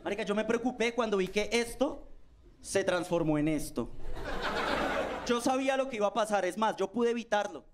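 A man's voice: high voice, expressive, moderate pace. A man with a Colombian accent doing a live stand-up set, telling slangy stories and acting out voices. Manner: slangy storytelling with acted-out voices. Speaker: stand-up comedian. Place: comedy stage with a live audience. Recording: live stage recording with crowd laughter and noise.

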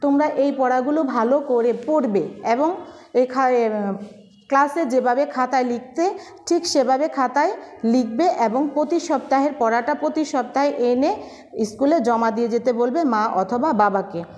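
A woman from Bangladesh teaching a recorded online class, slow and patient, spelling words out letter by letter. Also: sits high, darkish tone, lo-fi sound.

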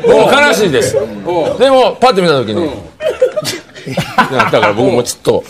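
A man's voice: a little high, wildly swooping pitch, moderate pace, very noisy. A man with a Kansai accent, a comedian telling a funny personal story on a studio talk show and slipping into imitated voices. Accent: Kansai Japanese. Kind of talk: comic anecdote on a talk show. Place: TV studio with an audience.

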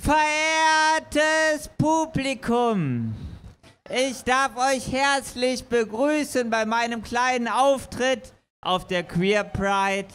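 High-voiced man talking slowly on a stage. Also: fairly bright tone, smooth. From Berlin. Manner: hesitant, with frequent filler sounds. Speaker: singer-songwriter performing live. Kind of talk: stage patter between songs. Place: outdoor stage under a bridge at a street festival. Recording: live outdoor concert audio with music. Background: accordion music.

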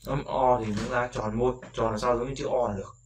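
A man's voice: medium pitch, fairly even intonation, quick pace, slight background noise. A Vietnamese-speaking man teaching English vowel sounds in a casual video lesson, repeating each sound and chatting with viewers.

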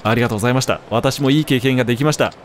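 A man voicing a shy, polite teenage girl idol who stammers softly, reading along while playing. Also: mid-range voice, racing, a little hiss or hum, close to an everyday voice. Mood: grateful. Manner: soft, polite, hesitant stammer.

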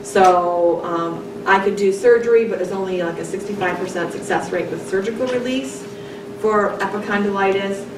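Picked up by a distant audience camera in a large, darkened lecture room, a woman lectures her class conversationally at normal speed in a mid-range voice, frequently checking in with "right?". The sound is noisy and echoey, her voice distant.

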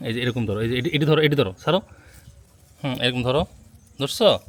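A young father, talking gently and patiently to his child in a casual family vlog, recorded on a handheld phone in an outdoor rooftop garden. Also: medium pitch, brisk. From Bangladesh. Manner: gentle, coaxing, patiently instructive. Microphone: handheld phone camera.

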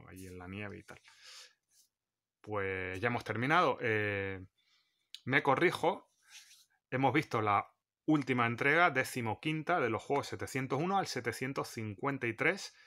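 Chatty man, low voice. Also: pushed and bright. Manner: chatty, listing titles one by one. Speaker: game collector vlogger. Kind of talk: casual vlog showing a game collection.

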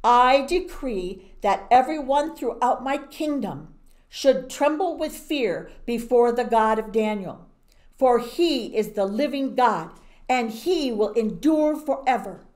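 A woman voicing an ancient male king who speaks solemnly and loudly. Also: a little high, animated, slow pace, pitched above the performer's own voice. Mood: proclaiming. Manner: declaiming, loud and raised.

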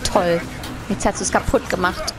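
A woman's voice: fairly low pitch, steady tone, a little slow, poor audio. A woman doing casual let's play commentary, playfully thinking aloud and exclaiming as she goes. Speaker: gaming host. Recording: game music and effects behind.

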